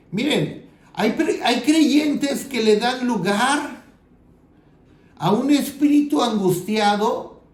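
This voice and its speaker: A man with a Mexican Spanish accent preaching an earnest sermon as pastor, reading scripture aloud and slowing down for emphasis. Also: sits high, darkish tone, roomy sound.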